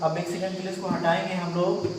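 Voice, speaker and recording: A Hindi teacher with a high voice speaks quickly and completely flatly while teaching a class grammar, asking questions and then repeating the answers himself. The room is echoey, the mic is far off, and there's a little hiss or hum.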